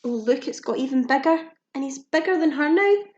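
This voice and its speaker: A high-voiced woman reads briskly from a storybook for children, speaking simply and expressively like a teacher, with gasps, questions and asides. The audio has its highs cut off and sounds echoey.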